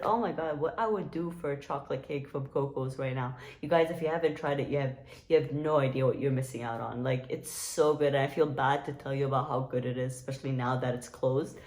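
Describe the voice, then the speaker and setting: A woman's voice: sits low, a little mellow. A young woman from Dubai chatting to camera in a casual vlog, gushing and nostalgic, full of "like" and "you guys". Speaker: vlogger.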